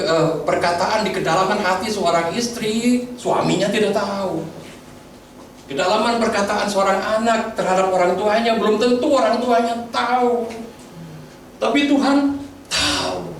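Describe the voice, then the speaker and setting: A man preaches a sermon with a high voice, often asking the congregation questions and restarting words. He sounds far from the mic, in a strongly echoing church hall, with faint noise underneath. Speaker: pastor. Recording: very echoey church hall, voice from afar.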